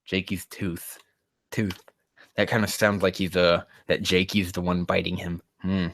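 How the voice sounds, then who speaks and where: Deep-voiced and flat in delivery, this host reads fan fiction at a measured pace with a slightly bright tone. He pokes fun at the amateur writing in a casual way, wandering off topic, cursing in frustration and tripping over the words.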